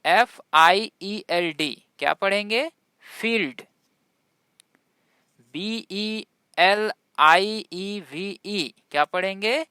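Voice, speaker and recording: A woman's voice: medium pitch, extremely slow, bright, forceful tone, clean tone, dry recording, studio quality. A woman with Hindi as her first language teaching English pronunciation, spelling words out letter by letter and quizzing her viewers as she goes. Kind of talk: classroom-style spoken lesson.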